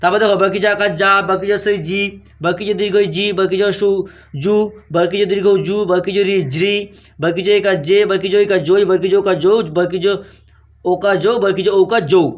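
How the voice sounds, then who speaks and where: High-voiced man drilling letter sounds. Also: flat delivery. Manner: slow sing-song drilling of letter sounds; keeps checking "all right?" with the pupils. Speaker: teacher. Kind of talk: primary school lesson walkthrough.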